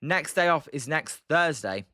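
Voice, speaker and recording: Casual game commentary fills the gaps between chat replies as this young British man streams live, rambling hesitantly with many ums and uhs. He sounds a little high, expressive, unhurried, pushed and bright, captured in a dry, clean studio recording.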